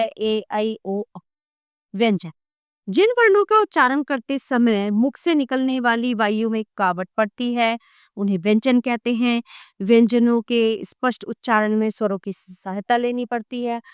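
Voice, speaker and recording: A woman's voice: fairly high pitch, measured pace, clear, resonant tone, dry recording, clean studio sound. A woman reading a grammar lesson aloud like a teacher, spelling out sounds and example words one by one.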